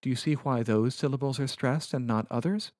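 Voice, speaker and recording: A man giving a recorded Latin lecture over slides, explaining rules in a measured, precise manner. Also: medium pitch, darkish tone, no echo, studio quality.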